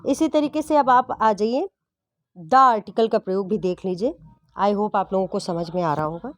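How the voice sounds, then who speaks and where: A woman's voice: medium pitch, normal speed, no room sound, faint music behind. A woman teaching English grammar to exam students, explaining patiently and often checking whether the class follows. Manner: patient, repeats and checks understanding.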